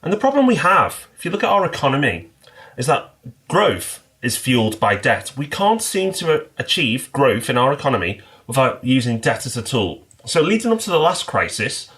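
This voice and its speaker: Male co-host, measured explainer, mid-range pitch, conversational podcast delivery. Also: sing-song, fairly bright tone. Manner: measured, explanatory, with small restarts. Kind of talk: casual podcast discussion.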